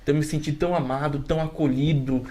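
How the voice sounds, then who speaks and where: A man tells a personal faith testimony on a podcast. His voice sits somewhat high, and his delivery is earnest and emotional, with casual filler and frequent restarts. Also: steady tone, very fast, warm tone. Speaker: podcast guest.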